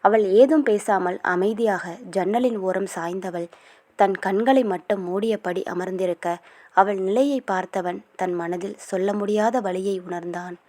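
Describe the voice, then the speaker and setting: A woman narrating a romance novel aloud in a calm, steady reading voice. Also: mid-range voice, a little slow.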